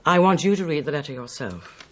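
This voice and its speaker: A woman playing a stern, commanding mistress of the house in a radio drama, crisp and authoritative. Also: deep voice, lively intonation, a little fast, a little hiss or hum. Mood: dry.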